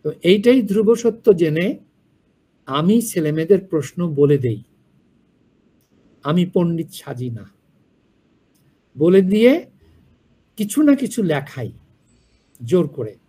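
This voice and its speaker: Older male lecturer, husky, talks frankly and wanders into stories. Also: a little high, expressive, measured pace, long pauses, warm tone. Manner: frank, digressive storytelling. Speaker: university lecturer. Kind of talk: classroom lecture.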